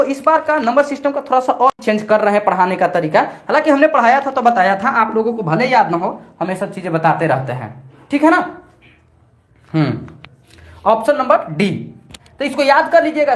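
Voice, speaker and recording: A man's voice: very high voice, lively intonation, moderate pace, a bit bright. A middle-aged man with a Bhojpuri-tinged Hindi accent, teaching a live online maths exam-prep class in a chatty way, repeating each point and scolding his students by turns.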